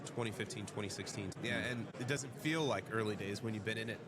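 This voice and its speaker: A man's voice: lowish voice, fast talker. A man speaking as a guest on a panel at a convention showroom floor, thoughtful and often adding "right?" at the end of a point. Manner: thoughtful, frequent "right?" tags. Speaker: guest, fleet charging developer. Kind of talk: panel discussion. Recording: crowd chatter behind. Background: crowd of convention visitors.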